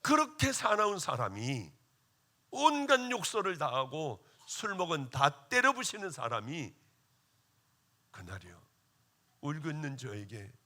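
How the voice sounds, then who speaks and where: A male pastor preaching at a revival meeting, his fairly high, bright voice leaping up and down in pitch. He tells a personal testimony, one moment exclaiming loudly and the next dropping to a hush. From Korea. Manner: emotional storytelling testimony, swinging between loud exclaiming and hushed tones.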